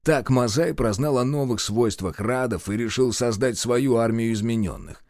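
A man narrating a first-person audiobook in a steady, measured and expressive way. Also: mid-range voice, no echo, studio quality.

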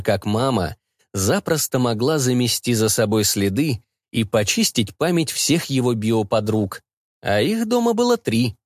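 A man narrating an audiobook in an expressive, wry way. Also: medium pitch, no room sound, clean studio sound.

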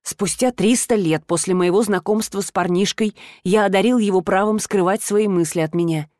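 A woman reading an audiobook, voicing a weary, regretful ancient male god who speaks in a measured, low, tired way. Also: darkish tone, no echo, studio quality, lightly acted. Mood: confessing.

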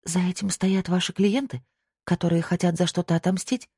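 A scared young woman in captivity, her voice tense and accusing, raised high above the narration, as the storyteller puts her on. The husky tone sounds close and dry. It suits an audiobook scene. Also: fairly even intonation, moderate pace, mellow, no room sound. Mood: frightened.

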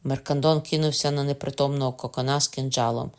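A woman reads a classic adventure novel aloud as audiobook narration. Her voice is low and steady, and she tells the story in a measured, expressive way. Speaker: audiobook reader.

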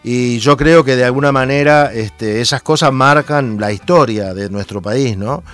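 A man's voice: medium pitch, normal speed, a bit bright, faint music behind. A man from Argentina with an Argentine accent, hosting a radio talk show and speaking hesitantly with many fillers. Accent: Argentine Spanish.

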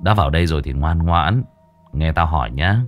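A man voicing a calm, confident young male exorcist who taunts and questions a ghost. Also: rumbling low, a little fast, soft background music, voice pushed down. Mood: cool taunting. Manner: cool, teasing, commanding.

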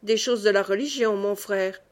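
A woman reading the lines of a severe old male lord in an audiobook, speaking a little lower and curtly. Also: moderate pace, natural voice. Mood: stern. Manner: severe, curt.

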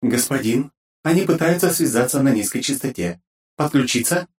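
Pitching his mid-range voice a bit above his natural one yet keeping it close to everyday speech, a man performs a polite, deferential young female assistant in an audiobook. His intonation is lively and his pace normal.

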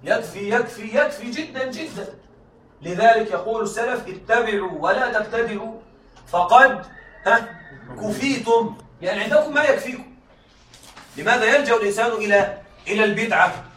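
Male lecturer, high and bright, quizzes the class often, recorded from across an echoey room. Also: recorded from a distance, slight background noise. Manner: keeps checking students follow, repeats key points; reads examples slowly and deliberately. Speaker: teacher.

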